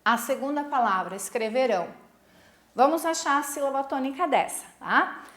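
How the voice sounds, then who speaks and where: A woman's voice: high-pitched, animated, normal speed, a bit bright, reverberant. A woman teacher with a Brazilian Portuguese accent giving a patient, instructive recorded lesson for sixth graders, often checking in with tag questions.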